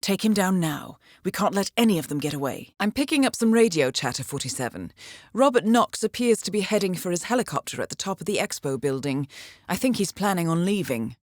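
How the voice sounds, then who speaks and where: An actress voices a coolly professional handler briefing an assassin in a video game, composed and formal with dry understatement. Her voice is on the low side, expressive and fairly quick, her mood urgent yet controlled. The recording is dry.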